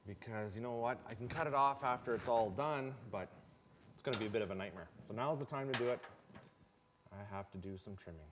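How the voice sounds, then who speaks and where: In a garage workshop crowded with tools, a lowish-voiced man in his forties speaks fairly quickly while hosting his snowmobile build series. His how-to talk is casual, matter-of-fact and folksy, captured on a clearly noisy recording with clicks.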